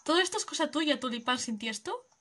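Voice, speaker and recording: A woman's voice: sits high, lively intonation, a little fast, slight background noise, voice pushed up. A woman putting on a dreamy hippie traveler guy. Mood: easygoing. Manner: mellow, rambling, playful. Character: laid-back hippie male traveler, dreamy and friendly.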